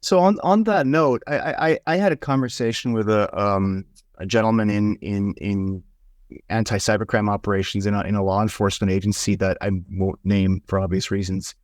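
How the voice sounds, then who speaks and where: A Swiss man with a Swiss accent hosts an interview, asking long questions in a lowish, darkish voice at a fairly quick clip. He often repeats words and stammers through stacked starts as he thinks, and the recording is dry and studio quality.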